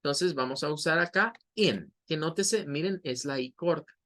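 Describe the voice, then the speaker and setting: A man's voice: fairly high pitch, a bit bright. Patient Latin American Spanish-speaking man teaching. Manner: patient explaining, repeats words slowly for practice. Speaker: English teacher. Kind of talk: recorded online lesson.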